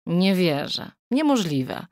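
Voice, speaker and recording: A woman narrating an audiobook, voicing a frank young woman friend in a quick, blunt, slightly raised voice. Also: lowish voice, very animated, a little mellow, dry recording, studio quality. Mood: surprised.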